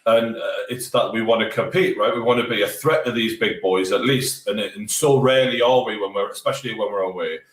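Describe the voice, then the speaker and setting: A man's voice: on the low side, fairly quick, few pauses, distant mic. Man on a tinny, echoey mic. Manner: blunt, informal, swears freely. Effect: tinny, metallic-sounding mic. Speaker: guest. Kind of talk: casual chat.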